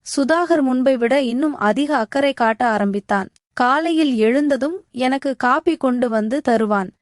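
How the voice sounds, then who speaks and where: Female narrator for a dramatic first-person story; high pitch, dry, tense delivery. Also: no room sound.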